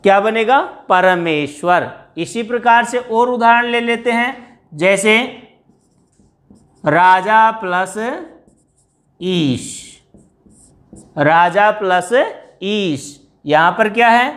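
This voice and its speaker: A man's voice: high voice, a bit bright. A man teaching a grammar lesson, explaining step by step and asking his students questions before answering them himself. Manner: drawn-out words when stressing examples.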